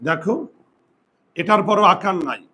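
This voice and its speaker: High-voiced man teaching pronunciation. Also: a little slow, bright, forceful tone, low-quality recording. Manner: repetitive, drilling, asks students questions. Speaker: Bengali grammar teacher. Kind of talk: classroom pronunciation lesson.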